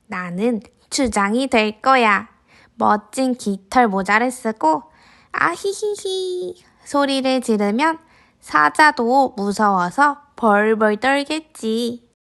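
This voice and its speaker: A woman's voice: fairly high pitch, sharp tone, full character voice. A woman voicing an imaginative, envious little boy in a picture book read aloud to toddlers. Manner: childlike, simple storybook delivery for toddlers. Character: imaginative little boy envying his big sister's puppy. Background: background music.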